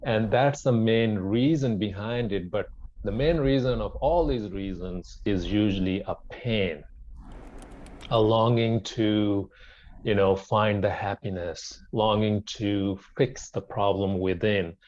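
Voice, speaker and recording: A middle-aged Pakistani man who founded a wellness centre appears as a podcast interview guest, telling his personal story conversationally. His voice is on the low side, slow and darkish in tone, and the sound is lo-fi.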